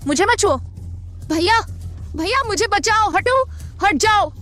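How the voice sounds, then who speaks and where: A woman's voice: extremely high pitch, lively intonation, slow pace, sharp tone, soft background music, voice pushed up, exaggerated voice. A woman dubbing a terrified young woman who screams and pleads not to be touched. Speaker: dub actor. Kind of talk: Hindi drama dub.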